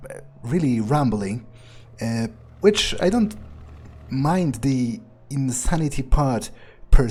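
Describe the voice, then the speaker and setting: A man with a mellow, mid-range voice thinks aloud in character during a video game, sounding blunt, profane and reflective. Game music runs under his voice.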